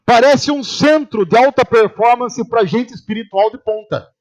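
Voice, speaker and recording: A pastor from Brazil giving a humorous sermon in church, telling stories and acting out the voices of the people in them. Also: male voice, extremely high pitch, normal speed. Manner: animated storytelling, acting out quoted voices.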